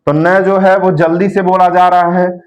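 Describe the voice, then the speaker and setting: A man's voice: high voice, little pitch movement, measured pace. A man teaching a lesson, explaining step by step and drawing out and repeating syllables. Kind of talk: classroom lesson.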